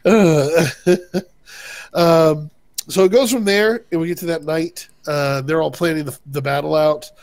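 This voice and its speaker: A man's voice: a little high, a little slow, gravelly, dry recording. A man co-hosting a casual TV recap, retelling scenes by acting out the characters' lines and laughing often. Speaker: podcast co-host.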